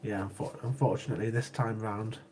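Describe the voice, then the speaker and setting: A man hosts a casual livestream while sniffly from a cold, talking with live chat viewers, laughing often and repeating himself. He speaks briskly in a low-side, darkish voice with a steady tone. Slight background noise is audible.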